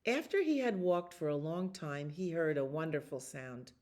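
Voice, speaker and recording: At storytime, a woman working as a librarian reads a children's book aloud in a low-pitched voice. She reads with expression and care, drawing out words that repeat.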